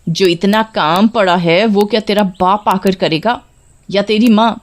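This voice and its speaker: A woman voicing a cruel middle-aged mother-in-law who scolds in a harsh, drawn-out way in a storybook tale. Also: medium pitch, lightly acted. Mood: scolding.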